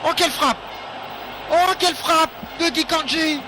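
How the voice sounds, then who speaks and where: A man giving excited live football commentary, exclaiming and repeating phrases emphatically. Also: very high voice, a little slow, noisy background.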